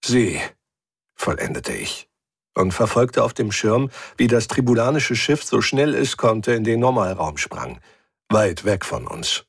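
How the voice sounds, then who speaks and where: A man's voice: on the low side, sing-song, measured pace, creaky, slightly rough, no echo, clean studio sound. A man narrating a science-fiction story in the first person, wry and dramatic. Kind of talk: scripted audio drama narration.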